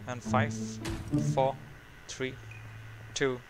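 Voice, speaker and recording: A man's voice: mid-range voice, level tone, drawn-out words, over loud music, poor audio. A young Indian-accented man bantering casually on a game livestream, mixing English with Hindi. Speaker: game streamer. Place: indoor room at a streaming desk.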